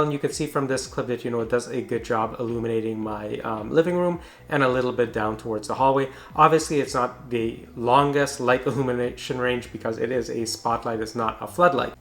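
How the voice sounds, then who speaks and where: A man's voice: mid-range voice, fairly bright tone. A man reviewing a product in a conversational, informal and explanatory way.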